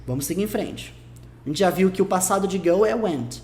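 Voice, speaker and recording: A man with a Brazilian Portuguese accent teaching an English lesson, patiently repeating words slowly to model pronunciation. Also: high-pitched, expressive, a little mellow. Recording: roomy echo.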